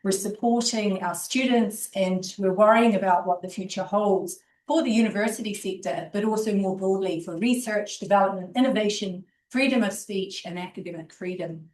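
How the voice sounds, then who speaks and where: A woman with a New Zealand accent delivers a formal welcome address, earnest and measured. Her pitch is average, and she is picked up from a distance in a very reverberant room. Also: a little mellow. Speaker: university vice president giving a welcome address. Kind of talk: formal welcome speech at a conference. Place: indoor university event room with online audience. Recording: echoey room, distant microphone.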